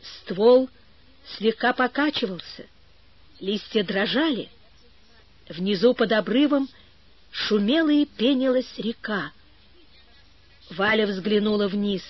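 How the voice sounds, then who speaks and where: A woman narrating an adventure story as an audiobook, in a measured storytelling manner. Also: medium pitch, expressive, no echo, lo-fi sound. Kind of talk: audiobook reading.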